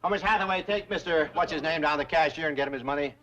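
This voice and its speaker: An actor playing a pompous, wheedling older bank president who flatters with flowery words, in 1960s sitcom style. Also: male voice, fairly high pitch, racing, dull audio, very noisy, lightly acted.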